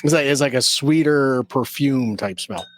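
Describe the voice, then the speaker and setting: Brief: relaxed male podcast co-host, thoughtful tasting notes, dry close mic. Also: medium pitch, moderate pace, no echo. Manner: easygoing, agreeable, thoughtful describer. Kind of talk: casual whiskey tasting chat.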